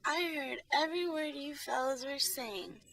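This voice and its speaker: A tiny, drowsy and touchy dormouse, played by a woman, with a very high, bright voice. It rambles along like a storyteller in a homemade audio play. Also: a little slow, creaky, full character voice. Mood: defensive, rambling. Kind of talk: amateur student audio drama.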